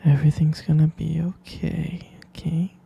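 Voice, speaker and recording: Someone acting a sappy, husky soft-spoken obsessive lover. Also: mid-range voice, level tone, normal speed, exaggerated voice. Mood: sappy, soothing. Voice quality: breathy, husky, creaky soft voice. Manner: sappy, cooing endearments. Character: obsessive, doting captor lover, sweetly possessive. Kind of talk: ASMR role-play.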